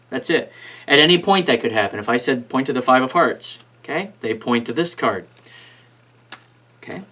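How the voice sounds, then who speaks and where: Male magician, mid-pitched voice, instructional card-trick patter, casual and step-by-step, talking to volunteers. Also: a bit bright.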